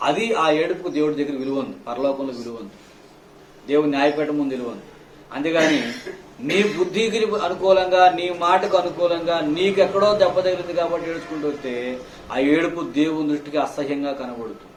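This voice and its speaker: A male pastor preaching a sermon, scolding his listeners with rhetorical questions, swinging between loud outbursts and hushed low phrases. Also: fast talker, distant mic. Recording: echoey hall, faint room noise.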